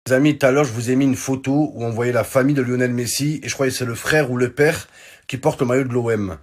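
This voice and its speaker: A man's voice: mid-range voice, fast talker. A young man telling jokes in casual street slang, talking straight to his phone camera. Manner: joking, slangy street French. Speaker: comedian vlogger. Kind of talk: casual comic monologue.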